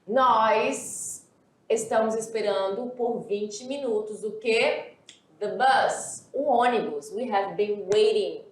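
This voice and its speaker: A woman from Brazil teaching an English grammar lesson, reading example sentences slowly and explaining in quick asides. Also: fairly high pitch, reverberant.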